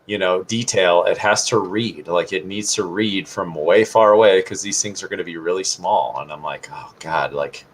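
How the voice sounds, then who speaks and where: A man co-hosting a casual live talk show, chatting in a relaxed, rambling way with lots of fillers. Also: sits low, moderate pace, few pauses, poor audio. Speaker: podcast co-host. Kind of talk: casual chat. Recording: faint background noise.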